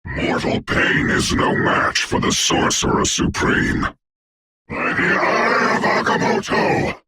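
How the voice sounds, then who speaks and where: A man voicing a proud, grave sorcerer doctor in a video game, speaking formally and theatrically in a rough, whispery voice. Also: extremely high pitch, huge pitch swings, takes it slowly, very noisy, heavily acted. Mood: commanding, proud. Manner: grandiose, formal, archaic, solemn delivery. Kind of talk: theatrical game character voice lines.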